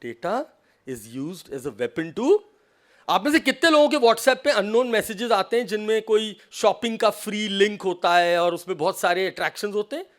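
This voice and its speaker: Animated high-voiced male seminar speaker. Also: normal speed. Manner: animated, acts out phone calls and teases the audience. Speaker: seminar speaker on cyber crime. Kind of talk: lively seminar lecture mixing Hindi and English. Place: seminar hall with a live audience.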